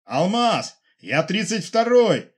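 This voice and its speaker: A man voicing a seaplane pilot who shouts urgent reports over the radio in a high, strained voice. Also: sing-song, a little slow, slightly rough, full character voice.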